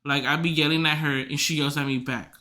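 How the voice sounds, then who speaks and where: Bright-voiced chatty woman podcaster. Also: low voice, fairly even intonation, a little fast. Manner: rambling, filler-heavy, giggly asides. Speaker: podcast host. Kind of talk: casual chat.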